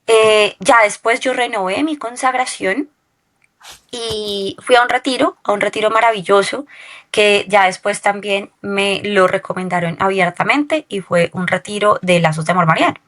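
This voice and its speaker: A woman recounts a personal testimony as an interview guest. She talks in a storytelling way and keeps checking in with her listener with a quick questioning tag. Her voice sits in a middle register. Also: medium pitch, fairly bright tone.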